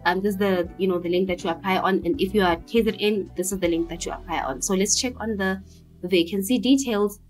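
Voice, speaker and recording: A woman's voice: medium pitch, fairly quick, soft background music. A South African woman talking casually to her viewers, chatty and full of fillers, often checking that they follow her. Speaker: vlogger giving career advice.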